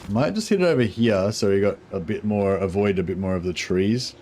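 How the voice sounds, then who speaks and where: A man's voice: lowish voice, expressive, brisk, a little mellow, a little hiss or hum. A man with a broad New Zealand accent giving casual gameplay commentary in a laid-back, sweary, rambling way. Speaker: gaming streamer.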